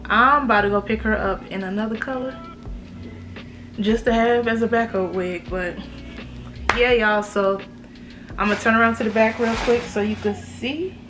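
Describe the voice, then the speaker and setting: A woman's voice: a little high, normal speed, pauses often, over music. American woman with a braces lisp. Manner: informal, slangy, emphatic. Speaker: beauty vlogger. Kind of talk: casual wig review to camera.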